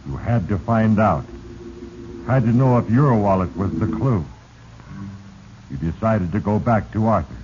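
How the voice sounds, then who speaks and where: An actor playing a solemn, sinister, all-knowing Fate who narrates a 1940s radio melodrama with heavy, ominous deliberation. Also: male voice, fairly low pitch, animated, a little slow, long pauses. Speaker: host and narrator. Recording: noisy, dull 1940s radio recording.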